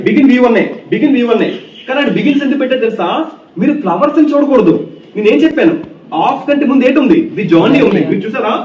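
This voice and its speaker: A man's voice: very high voice, a little mellow, a little hiss or hum. A male English grammar teacher in a classroom, repeating key points and firing questions at his students. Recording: echoey, distant, dull classroom recording.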